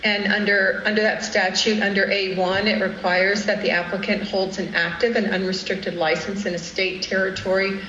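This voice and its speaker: A woman's voice: medium pitch, little pitch movement, moderate pace, hardly any pauses, bright, forceful tone, roomy sound, muffled recording, a little hiss or hum. A woman advising a board in a formal manner, reciting statute with some ums.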